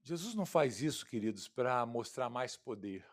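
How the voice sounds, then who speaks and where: A man with a Brazilian Portuguese accent preaching an expository sermon, swinging from loud, emphatic lines to hushed, quiet ones and calling his listeners "queridos" and "irmãos". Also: medium pitch, lively intonation, normal speed. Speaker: pastor.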